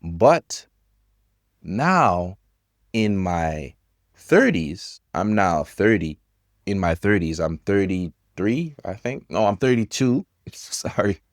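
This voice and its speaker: A man in his thirties teaching English to learners, talking about technology in slow, simple sentences with pauses. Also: sits low, very animated, no echo, clean studio sound. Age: 30s.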